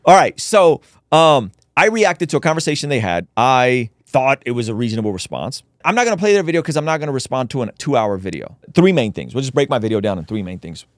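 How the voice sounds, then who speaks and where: A man's voice: mid-range voice, big pitch swings, fast talker, hardly any pauses, dry recording, clean studio sound. A man hosting a podcast, making a casual, argumentative rebuttal with frequent restarts. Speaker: podcast host.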